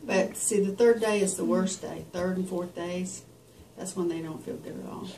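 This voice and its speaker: A woman's voice: lowish voice, moderate pace, vocal fry, dark tone. A woman on clinic staff chatting casually with a patient. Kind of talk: casual chat. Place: small indoor clinic recovery room. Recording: slightly noisy camera audio.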